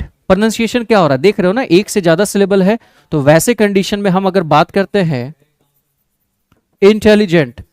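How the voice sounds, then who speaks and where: A man teaching an exam-prep English grammar lesson with an Indian accent, often checking in with his class and reading English sentences out slowly. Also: high-pitched, darkish tone, no room sound. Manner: checks in with the class, calls students "babu" and "bhai".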